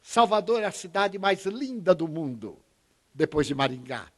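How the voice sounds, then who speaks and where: A man in his eighties with a Bahian Brazilian accent speaks in a fairly high voice. He gives an inspirational talk, telling anecdotes and acting out the other speakers with changing pitch and loudness. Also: big pitch swings, moderate pace. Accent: Bahian Brazilian Portuguese. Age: 80s. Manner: storytelling, acts out dialogue with shifts in pitch and volume. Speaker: spiritist speaker.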